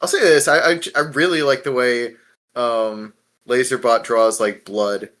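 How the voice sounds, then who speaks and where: A podcast host leads a casual discussion, swearing freely, speaking bluntly and steering the talk with questions. His medium-pitched voice is fairly even in intonation, unhurried and a bit bright.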